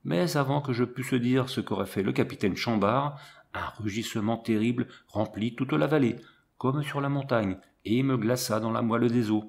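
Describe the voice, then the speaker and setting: A man reading a novel aloud in first person, with a lively, expressive delivery. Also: medium pitch, moderate pace, vocal fry. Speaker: audiobook reader. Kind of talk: first-person storybook narration.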